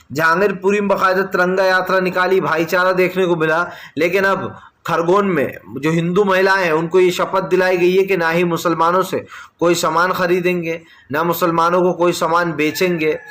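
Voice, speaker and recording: High-voiced man giving heated news commentary. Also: fairly bright tone. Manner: addresses viewers as friends, argumentative and insistent. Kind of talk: opinionated political news commentary.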